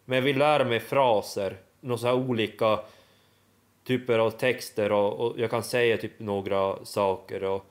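A young man vlogging casually, halting and restarting often as he tries out new words. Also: lowish voice, steady tone. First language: Swedish and Finnish. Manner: halting, full of restarts and fillers, sounding out foreign words. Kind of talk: casual vlog.

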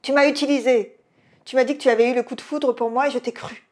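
A woman's voice: on the high side, lively intonation, normal speed, gravelly, breathy edge, heavily acted. Woman reading a drunk, furious young woman, raised voice. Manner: angry, raised voice.

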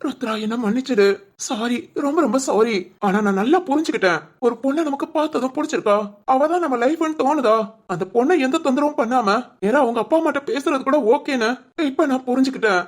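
A woman voicing a remorseful young man who apologizes softly and pleads. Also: high-pitched, brisk.

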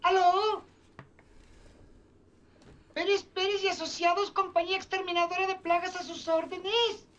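A man's voice: extremely high pitch, level tone, a little slow, long pauses, a bit bright, a little hiss or hum. A man in his fifties doing a woman's voice as a polite phone secretary in a comedy film. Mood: polite, businesslike. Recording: distant, dull old film soundtrack.

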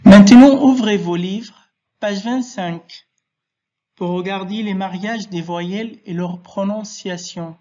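A teacher giving a slow, clear spelling and pronunciation lesson in French, switching into Arabic to explain. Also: mid-range voice, dark tone, dull audio. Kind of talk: classroom language lesson.

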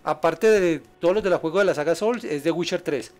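A man streaming a game live, chatting with viewers and yelping in excitement at enemies. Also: fairly high pitch, a little fast. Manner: excitable, yelps and laughs at danger, chats with viewers. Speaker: gaming streamer. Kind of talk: live gameplay commentary.

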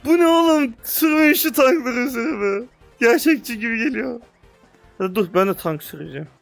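A young man giving casual, excitable commentary on a VR game, slangy, with loud outbursts, sometimes speaking English. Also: very high voice, moderate pace, vocal fry, faint music behind. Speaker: gaming youtuber.

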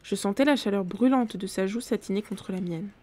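A woman reading a classic novella aloud on a live stream, in steady storytelling with occasional self-corrections. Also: medium pitch, brisk. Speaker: book reader on a live stream.

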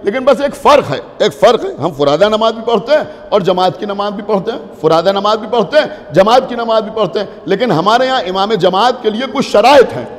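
A male cleric with a Lucknow Urdu accent, delivering an impassioned sermon to a gathering, repeating phrases and shouting rhetorical questions. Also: sits high, animated, a little fast, hardly any pauses. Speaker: Shia cleric giving a majlis. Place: religious gathering hall. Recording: long reverb of a large hall.

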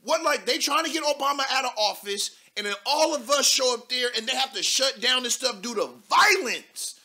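A man in his thirties hosting a live political call-in show from a studio desk, talking loud and animated with casual slang and cursing. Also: very high voice, normal speed. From United States. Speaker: talk show host.

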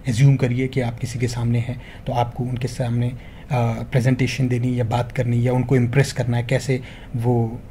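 A man's voice: mid-range voice, dark tone, a little hiss or hum. A man giving an earnest, motivational spoken lesson, calling viewers his friends and slipping English phrases into his talk. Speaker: English teacher.

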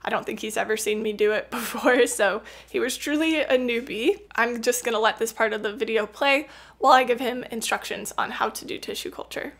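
A young woman with a fairly high voice hosts a hands-on how-to video. She gives friendly, patient step-by-step instructions and often breaks into small laughs. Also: brisk, fairly bright tone. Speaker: channel host teaching plant tissue culture. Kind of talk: casual instructional voice-over and live coaching.

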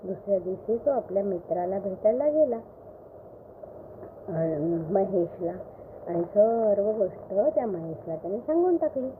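An older woman storyteller narrating a bedtime story for children in a gentle, expressive way. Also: medium pitch, unhurried. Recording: phone-like line with faint hiss.

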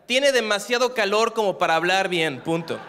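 A Mexican man from Acapulco with a Mexican accent, doing a dark, deadpan stand-up set before a live crowd. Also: sits high, moderate pace, long reverb tail, slight background noise. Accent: Mexican Spanish, non-coastal. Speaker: stand-up comedian. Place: comedy stage before a live audience.

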